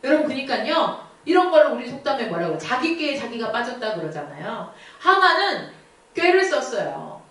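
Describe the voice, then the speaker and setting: Animated woman preacher in an echoey church. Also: sits high, normal speed. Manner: animated, asks the listeners questions. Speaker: youth group preacher. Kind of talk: storytelling sermon. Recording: echoey church hall from far off.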